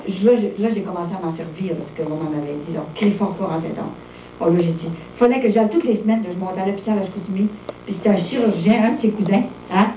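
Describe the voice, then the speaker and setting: A woman's voice: medium pitch, warm tone, a little hiss or hum. Québécois woman telling her story, distant and roomy. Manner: plain-spoken, chatty, fillers like "là" and "hein". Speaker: testimony speaker. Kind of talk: personal testimony storytelling. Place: monastery room with visitors. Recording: roomy echo, distant mic, faint ambience.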